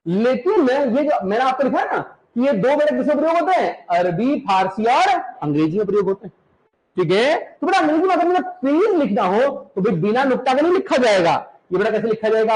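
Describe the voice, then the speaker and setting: This rough recording captures a very high-pitched male teacher from the Uttarakhand hills. Lecturing his class, he goes over words slowly and repeatedly so students can copy them, checking their comprehension often.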